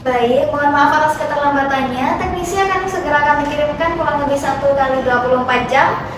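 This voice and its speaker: A woman's voice: sits high, a little fast, lightly acted. A woman playing a polite, apologetic wifi receptionist in an amateur role-play, speaking in a formal customer service voice. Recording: very echoey, distant, noisy room.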